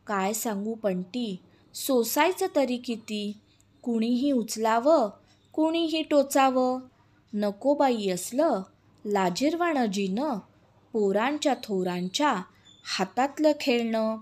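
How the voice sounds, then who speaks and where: A woman's voice: fairly high pitch, lively intonation, slow, a little mellow. A woman reading a children's poem, voicing a touchy, sorrowful female incense stick in a plaintive storybook voice.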